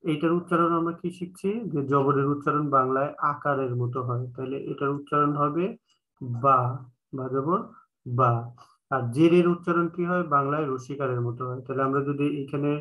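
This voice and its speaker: A man with a Bangladeshi Bengali accent, teaching an online class in a patient way, repeating each point slowly with many filler sounds. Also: on the high side, dull audio. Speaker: Quran reading teacher. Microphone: online call.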